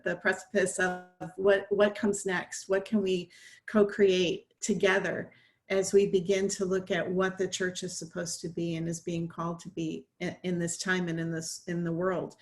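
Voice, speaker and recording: A woman minister gives reflective remarks on a video call panel. Her voice is lowish and quite even in pitch, and she circles back to restart her thoughts. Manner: earnest, reflective, restarts phrases. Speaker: conference minister.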